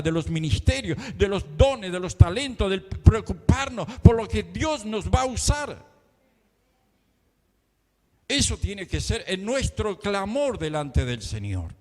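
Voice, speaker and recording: Argentine preacher, high and echoing. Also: male voice, a little mellow. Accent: Argentine Spanish. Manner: impassioned, emotional preaching with prayers spoken aloud. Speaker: pastor. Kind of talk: sermon. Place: church.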